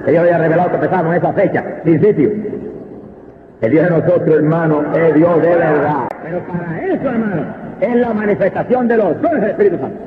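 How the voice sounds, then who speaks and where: A man preaching a fervent Pentecostal sermon, swinging between slow drawn-out emphasis and quick bursts. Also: a little high, slight background noise. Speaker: evangelist preacher. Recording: tinny lo-fi recording in a reverberant hall.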